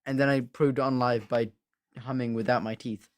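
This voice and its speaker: A man chatting casually on a voice call, rambling and halting, with frequent false starts. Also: medium pitch, steady tone, no room sound. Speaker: panelist on a live debate stream. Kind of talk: casual chat and anecdote. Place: online voice call.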